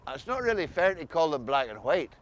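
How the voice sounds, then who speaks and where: A man's voice: a little high, very animated, fairly quick. A man with an Ulster Scots accent, asking questions as the interviewer in a casual chat.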